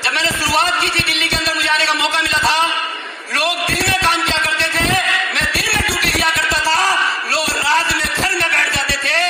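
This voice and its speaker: A man in his thirties giving an emphatic, shouted motivational speech on a stadium stage, often repeating his lines. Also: extremely high pitch. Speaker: speaker at business event. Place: large indoor stadium stage. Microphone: far phone camera in audience. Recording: echoey stadium from far off. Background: loud crowd noise.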